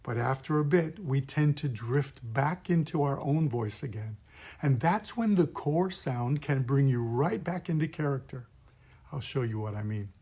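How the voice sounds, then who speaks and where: Slow, patient man teaching. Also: mid-range voice, expressive, dark tone, husky. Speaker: pastor teaching puppetry. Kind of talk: instructional video lesson.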